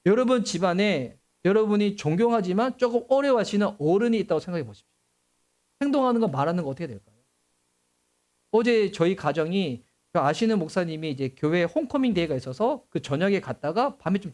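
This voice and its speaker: A middle-aged man preaching a sermon as pastor, animated and acting out voices and exclamations. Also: high-pitched, a little fast.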